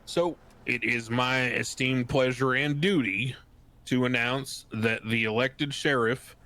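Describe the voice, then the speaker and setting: Man as a measured, formal election official, mid-pitched. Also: fairly even intonation, pushed and bright. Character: formal, diplomatic male official announcing election results. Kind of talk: improvised game role-play, formal announcement.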